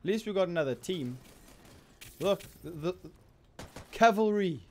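A man with a Zimbabwean accent giving casual, excitable live commentary on a game he plays, chatting with viewers. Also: sits high, moderate pace, a little hiss or hum. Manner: casual, excitable, laughs often, calls viewers bro. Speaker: streamer.

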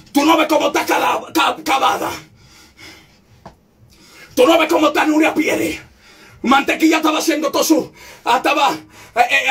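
A man preaches in a relentless shout, his voice pitched very high and gravelly. He hammers each point confrontationally, now and then bursting into tongues. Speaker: evangelist preacher. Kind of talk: fiery shouted sermon.

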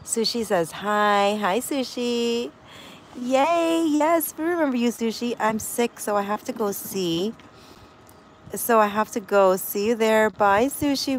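A woman's voice: fairly high pitch, a little hiss or hum. Chatty woman livestreaming outdoors. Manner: reads viewer comments aloud and greets them. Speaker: livestream host. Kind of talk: casual livestream chat. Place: windy backyard outdoors.

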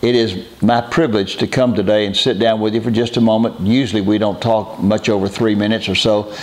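A man's voice: on the low side, flat delivery, a little fast. Earnest man giving a devotional. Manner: earnest, repetitive, plain-spoken. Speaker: host of a short devotional message. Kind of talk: short devotional message.

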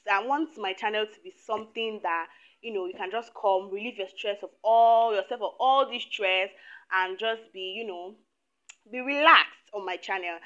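Bright-voiced chatty young woman. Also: medium pitch, dull audio. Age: 20s. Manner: chatty, animated, laughs often. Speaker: YouTuber. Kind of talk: casual chat to camera. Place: small indoor room. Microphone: lapel mic.

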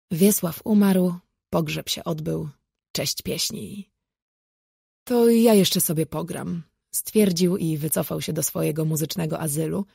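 Gravelly, husky woman narrating an audiobook. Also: lowish voice, a little mellow, no echo, clean studio sound. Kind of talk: first-person audiobook narration.

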